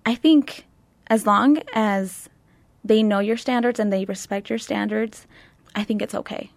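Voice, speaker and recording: A woman's voice: medium pitch, unhurried, creaky, no echo. Eighteen-year-old woman from Chile hosting a studio panel. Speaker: youth panel host. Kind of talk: moderating a panel discussion.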